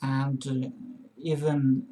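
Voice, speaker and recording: A young man with a Russian accent, a native Russian speaker, giving a casual English lesson to his webcam, halting with many fillers and restarts. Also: medium pitch, flat delivery, warm tone. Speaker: English learning vlogger.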